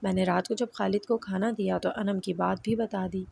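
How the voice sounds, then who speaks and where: Gravelly-voiced woman narrating a story. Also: medium pitch, fairly even intonation, darkish tone. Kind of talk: scripted narration of an emotional story.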